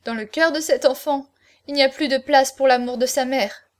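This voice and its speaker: A woman's voice: high-pitched, moderate pace, close to an everyday voice. A woman reading aloud, voicing a grieving noble mother who pleads in an imploring, emotional way in an audiobook. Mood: pleading.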